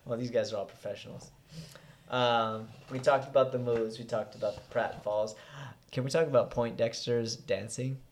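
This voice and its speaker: A man co-hosting a casual movie chat, an animated storyteller who laughs often as he talks. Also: mid-range voice, normal speed, slight background noise. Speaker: podcast co-host.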